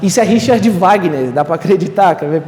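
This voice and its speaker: A man's voice: high voice, animated, fairly quick, darkish tone. A young Brazilian man, a seminarian, gives a conversational lecture to a live audience, often tagging his sentences with "né?". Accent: Brazilian Portuguese. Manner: conversational, frequent "né?" tags. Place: lecture hall. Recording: echoey hall, distant mic, faint room noise.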